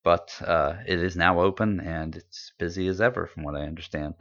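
A man's voice: deep voice, fairly even intonation, moderate pace, fairly bright tone. A man co-hosting a podcast in casual chat, rambling and enthusiastic with lots of fillers. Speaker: podcast co-host. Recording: dull lo-fi audio.

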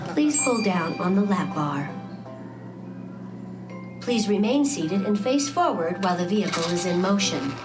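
A woman reading a scripted, airport-style safety announcement in a formal, instructional way. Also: medium pitch. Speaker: safety announcer on a theme park ride. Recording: loud music behind. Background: loud music.

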